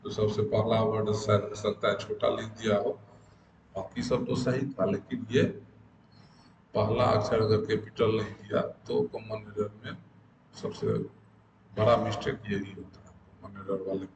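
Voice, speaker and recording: Male grammar teacher, patient step-by-step delivery, echoey room with clear background hiss. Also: fairly low pitch, steady tone. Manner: explains step by step, repeats terms slowly, asks rhetorical questions. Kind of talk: classroom-style grammar lesson.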